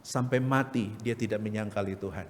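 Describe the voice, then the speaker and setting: A man's voice: on the low side, steady tone, a little fast, slight background noise. Man preaching in an echoing church hall. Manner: often addresses listeners as brothers and sisters; retells a story vividly. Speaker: evangelist preacher. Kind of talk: storytelling sermon. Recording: reverberant church hall, faint background ambience.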